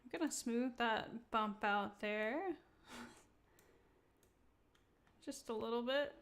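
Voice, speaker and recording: A woman hosting a live-streamed software tutorial, talking casually with many fillers and laughing at her own slips. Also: fairly high pitch. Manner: casual, chatty, many ums, laughs at herself. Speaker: software demo host. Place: indoor room.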